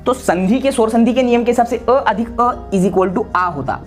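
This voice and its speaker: A man's voice: high-pitched, moderate pace, soft background music. A man from Maharashtra, a teacher giving a casual exam-prep lesson, explaining with many repeats and restarts. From Maharashtra, India.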